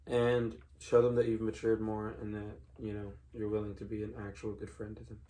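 A young man co-hosts a casual chat, offering blunt, brief, matter-of-fact advice. His lowish, mellow voice moves briskly with a completely flat delivery. He's recorded indoors in a small room at home.

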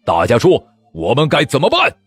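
A man voicing a fiery male rebel leader in an audiobook, shouting to rouse his army. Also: medium pitch, wildly swooping pitch, normal speed, husky, faint music behind, voice pushed up, exaggerated voice. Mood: rousing. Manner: shouting, rousing.

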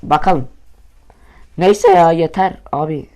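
A young man talks over his own football match in a slightly high voice. He swears constantly, yelling at goals and dropping to low mutters in between. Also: slow pace. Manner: swearing, excitable, shouts at goals then mutters. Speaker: gamer commentating his own play. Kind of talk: casual gaming commentary.

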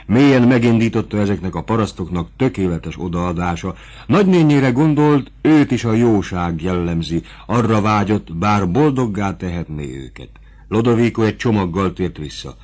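Low-voiced male audiobook narrator. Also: expressive, darkish tone. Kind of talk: audiobook reading of a classic novel.

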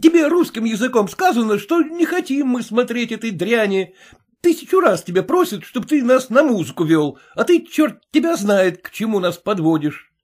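A hot-tempered husband shouts and blusters in a raised voice, as a male narrator puts him on. His lively pitch jumps as he berates a servant. This is a storybook reading. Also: normal speed, husky, exaggerated voice. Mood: angry. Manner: loud, blustering, scolding.

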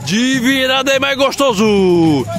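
A man giving rapid play-by-play commentary on an amateur football match at night, shouting out the goals. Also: extremely high pitch, lively intonation, over music. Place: outdoor floodlit football pitch at night. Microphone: handheld phone camera.

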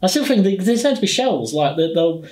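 Higher-voiced man in an echoey room. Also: very animated, fairly quick, a little mellow. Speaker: podcast co-host. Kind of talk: casual banter among friends. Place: picnic table with friends.

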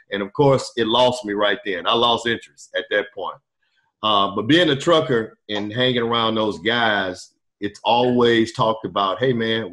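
A middle-aged man, a podcast guest, telling his story in a relaxed, rambling way with many fillers over a video call. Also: on the low side. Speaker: podcast guest, truck driver turned wholesaler. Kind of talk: casual storytelling interview. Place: indoor room, video call. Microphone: webcam on video call.

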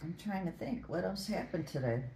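A woman in her fifties, a long-distance hiker vlogging with her partner, telling stories in a lively, laughing way into a phone held at arm's length. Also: lowish voice, brisk, reverberant, slight background noise. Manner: animated storyteller, laughs often. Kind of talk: casual chat to camera. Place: hotel room, indoors.

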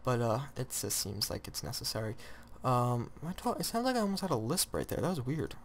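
A teenage boy narrates his own gameplay in a rambling, excitable way, constantly restarting and correcting his sentences. His voice sits at an ordinary middle pitch. A faint hiss of noise sits under the recording. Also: fast talker. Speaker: gamer. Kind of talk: let's play commentary.

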